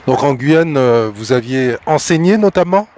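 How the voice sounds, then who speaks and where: A man hosting a radio interview, asking questions in a halting way with many fillers. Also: medium pitch, expressive, a little mellow.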